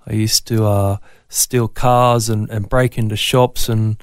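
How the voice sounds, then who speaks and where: A man's voice: on the low side, little pitch movement, slow pace, smooth, no room sound, clean studio sound. A man from Brisbane with a Queensland Australian accent, telling his story casually and a little hesitantly as an interview guest. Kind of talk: casual personal testimony in interview.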